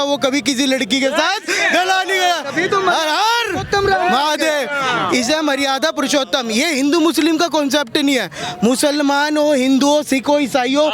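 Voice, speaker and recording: Very high-pitched man arguing passionately. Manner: emphatic, preachy, instructing the listener. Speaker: member of the public in a street debate. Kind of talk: impassioned argument.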